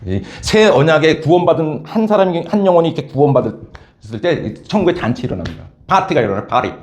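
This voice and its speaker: A male preacher giving a lively, story-driven sermon, often prompting listeners with "예?" and "여러분". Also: fairly high pitch, quick pace. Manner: animated storytelling, frequent "예?" and "여러분".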